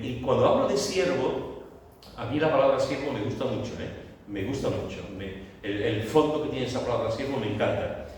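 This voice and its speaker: A man preaching a sermon as pastor, talking emphatically and repeating his key phrases as he builds toward exhortation. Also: mid-range voice. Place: church hall. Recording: echoey church hall, voice far off.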